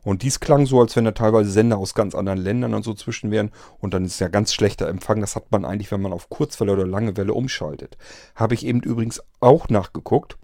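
Rambling German-speaking man, mellow dry voice. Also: lowish voice, quick pace, gravelly, no echo. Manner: rambling, hesitant, many fillers and restarts. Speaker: vlogger telling of a strange event. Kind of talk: casual spoken account.

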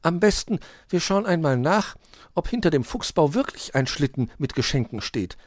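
A man doing a gentle, doubting rabbit. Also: on the high side, animated, moderate pace, no room sound, clean studio sound, voice pushed up, lightly acted. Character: kind gentle male rabbit. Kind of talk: storybook read-aloud.

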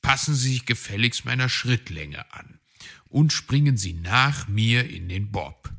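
A man's voice: medium pitch, expressive, unhurried, creaky, bright, forceful tone, slightly rough, exaggerated voice. A man voicing a bossy, eager male fox in a children's story, giving orders and coaching his companion. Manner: commanding, coaching.

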